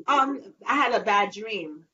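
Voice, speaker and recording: Here the singer's light voice sits at a medium pitch and moves a little slowly as she chats in a casual interview. She stays animated, laughing and acting out quotes and little scenes, on a lo-fi recording with faint noise.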